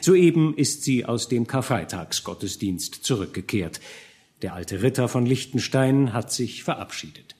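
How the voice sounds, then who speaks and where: A male audiobook reader narrating a classic novel. His voice sits in an ordinary middle register, measured and expressive as he tells the story. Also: medium pitch.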